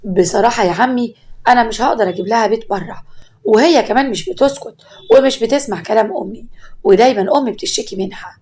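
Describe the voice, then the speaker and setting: A woman's voice: on the high side, fast, darkish tone, lightly acted. Woman voicing a young Egyptian husband. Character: young husband torn between mother and wife, man.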